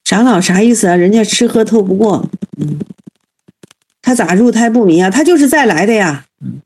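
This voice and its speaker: A woman's voice: medium pitch, animated, normal speed, a little mellow, husky. A woman reading an old tale aloud and retelling it casually, hesitant and thinking aloud as she goes. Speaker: reader explaining a classic tale.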